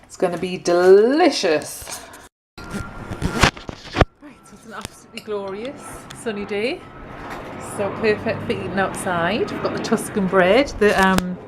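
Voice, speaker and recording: A woman's voice: medium pitch, measured pace, long pauses, background noise. A British woman vlogging her cooking in a chatty, homely way, correcting herself as she goes. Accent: British English. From Britain. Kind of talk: casual cooking vlog.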